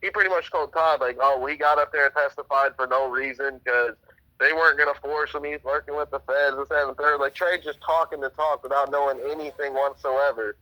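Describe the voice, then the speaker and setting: Fast-talking young man over a phone line. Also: a little high, fairly even intonation, pushed and bright. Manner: rambling, profane, quotes others with "she's like". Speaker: trial witness. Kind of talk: casual phone conversation.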